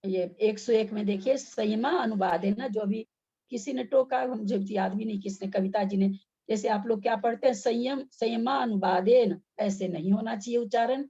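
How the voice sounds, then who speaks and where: Breathy woman teaching over a dull call line. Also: on the high side, normal speed, dark tone. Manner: patient, explains step by step with repeated examples. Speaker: Sanskrit reading teacher. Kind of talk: online class lesson.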